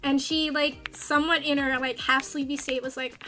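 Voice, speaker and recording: A woman's voice: sits high, flat delivery, normal speed, bright, forceful tone, soft background music. A woman streamer telling a rambling, self-mocking story while she plays a game, with sudden cries of frustration. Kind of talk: casual storytelling while gaming.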